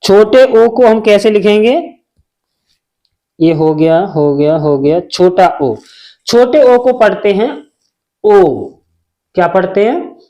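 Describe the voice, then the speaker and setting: Very slow, patient male language teacher. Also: high voice, animated, mellow. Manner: asks a question and answers it himself; drawn-out, repeated syllables. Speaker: Hindi teacher. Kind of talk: slow spelling lesson.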